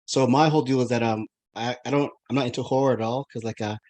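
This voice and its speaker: A man's voice: mid-range voice, steady tone, fast talker, darkish tone. An American man in his thirties hosting a podcast interview, talking casually and rambling with many restarts and fillers. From United States. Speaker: podcast host.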